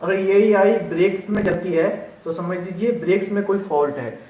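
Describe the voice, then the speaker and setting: A male instructor explaining a lesson step by step, often pausing to check that his students have understood. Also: sits high, muffled recording. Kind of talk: classroom lesson. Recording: echoey room, distant mic.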